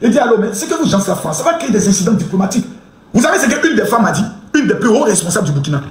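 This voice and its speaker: A man ranting in a live commentary, shouting insults with mocking laughter. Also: sits high. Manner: animated, swings between chanting and fast talk. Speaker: online commentator. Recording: echoey room.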